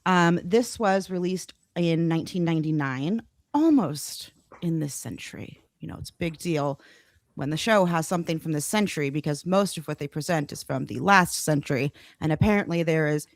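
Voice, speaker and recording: A woman's voice: deep voice, normal speed, no room sound. A woman co-hosting a music podcast, chatting casually and playfully and laughing easily. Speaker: podcast co-host. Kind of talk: casual chat about music.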